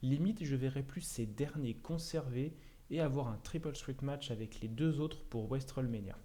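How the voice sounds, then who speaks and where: Sardonic male video host, mellow dark tone, scripted opinion monologue. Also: mid-range voice, moderate pace.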